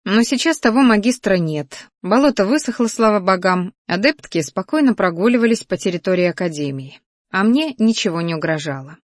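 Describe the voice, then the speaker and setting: A woman reading a first-person fantasy audiobook in a lively, expressive way. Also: mid-range voice, brisk, dry recording, studio quality. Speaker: audiobook narrator.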